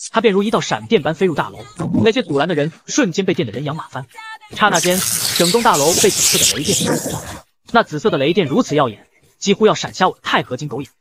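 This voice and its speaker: A man tells a comic story at speed in scripted narration. His pitch swings a lot and sits a bit high, with a brisk, lively storyteller's drive.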